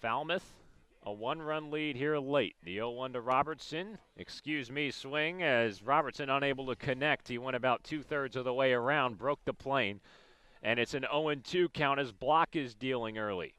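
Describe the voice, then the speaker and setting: Here a man does live radio commentary on a baseball game, narrating each play in clipped, descriptive bursts. He speaks at a moderate pace in a medium pitch, his tone pushed and bright, clean, with no room sound.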